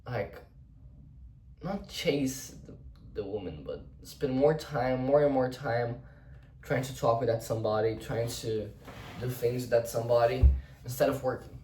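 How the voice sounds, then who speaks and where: This young man, a native Portuguese speaker, talks through his thoughts in English without a script, wandering, restarting repeatedly, and swearing a bit. His vlog voice is mid-range, a little mellow and somewhat slow. The echoey recording has a distant mic and a little hiss or hum.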